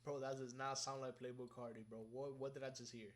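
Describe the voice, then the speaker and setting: A man's voice: medium pitch, little pitch movement, brisk. A man reacting to a video, chatting casually and saying "bro" at the end of almost every sentence. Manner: chatty, says "bro" constantly.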